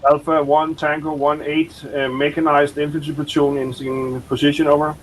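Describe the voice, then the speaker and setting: Higher-pitched, even-toned man making radio reports. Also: moderate pace, poor audio. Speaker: player radioing support requests in a military game. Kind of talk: clipped tactical radio reports.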